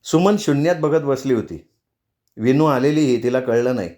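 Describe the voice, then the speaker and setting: A man's voice: mid-range voice, normal speed, mellow. Male storyteller reading a novel. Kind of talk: scripted novel narration.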